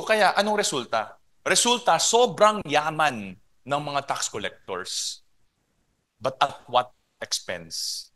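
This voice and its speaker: Animated Filipino preacher man, bright voice. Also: a little high. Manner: animated, asks the congregation questions, mixes Tagalog and English. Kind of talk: sermon.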